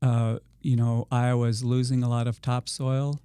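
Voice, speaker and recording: Slow, halting man with a smooth, dark voice. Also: medium pitch, little pitch movement, no echo, studio quality. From Iowa. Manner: slow and halting, many fillers and restarts. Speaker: organic farmer guest. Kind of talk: podcast interview.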